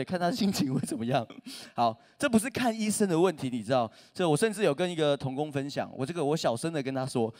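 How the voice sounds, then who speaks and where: A man, preaching a humorous sermon as a pastor, telling stories with self-mocking jokes. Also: a little high. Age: 30s. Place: church stage.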